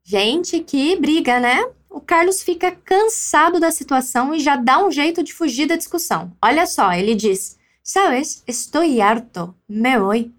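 Lively, high-voiced woman teaching Spanish. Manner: lively, encouraging, models phrases slowly for repetition. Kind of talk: language lesson with drills.

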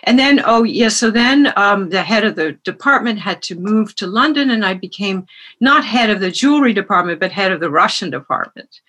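Husky French-raised woman. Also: mid-range voice, lively intonation, normal speed, a bit bright, dull audio. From France. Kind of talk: interview, personal story. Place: remote call.

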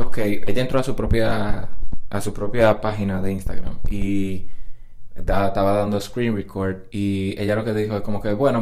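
A man's voice: on the low side, darkish tone. A man hosting a casual solo podcast, rambling and often restarting and correcting himself. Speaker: podcast host.

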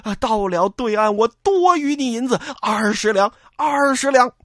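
A man's voice: very high voice, expressive, moderate pace, no echo, clean studio sound, pitched above the performer's own voice. A man doing a panicked, pleading fugitive. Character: frightened fleeing man begging for rescue.

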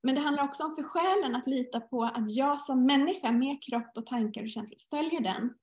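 Woman telling stories in an echoey room. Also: high-pitched. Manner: storytelling, acts out inner dialogue. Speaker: guest teacher. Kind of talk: casual podcast conversation. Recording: roomy echo.

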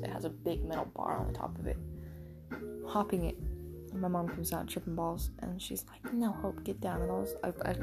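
A woman's voice: on the low side, creaky. A young woman hosting a podcast, telling a story in a rambling, casual way with lots of swearing and fillers. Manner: rambling, profane, filler-heavy. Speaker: podcast host.

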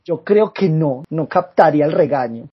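A man's voice: fairly high pitch, expressive, moderate pace, husky, muffled recording. A man co-hosting a podcast, chatting casually and laughing often. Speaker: podcast co-host. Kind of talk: casual chat.

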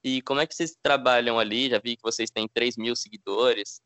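A man's voice: medium pitch, fairly even intonation, a little fast, fairly bright tone, no room sound. A man with a Brazilian Portuguese accent co-hosting a football podcast, introducing and asking questions casually. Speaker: podcast co-host.

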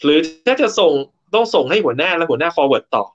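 A man's voice: fairly high pitch, very animated, brisk, dull audio. A man giving a casual talk about workplace motivation. He explains step by step, tells stories from his own work life, and often restarts his words. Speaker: co-host and speaker.

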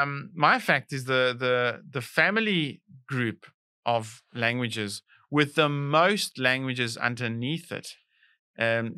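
A man sharing facts on a comedy podcast, rambling and punning as he goes. His voice is very sharp and bright, smooth and resonant. It is recorded dry and close. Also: mid-range voice, no room sound. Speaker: podcast co-host. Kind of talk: casual comedic chat.

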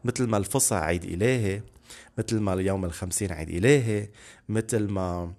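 A man's voice: low voice, fairly quick, a little mellow. A man teaching the Bible on a podcast, earnest and repeating key words for emphasis. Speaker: preacher.

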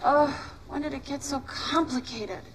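A woman's voice: sits high, a little slow. An actress playing a young woman in a troubled heart-to-heart, asking wistful, sighing questions in a sitcom scene. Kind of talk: sitcom dialogue. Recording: noisy clip from a TV sitcom.

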